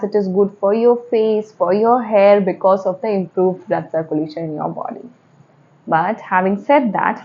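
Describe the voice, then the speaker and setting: A woman's voice: medium pitch, warm tone, muffled recording. A woman with an Indian accent giving spoken yoga instruction step by step, repeating and rephrasing key points as she goes.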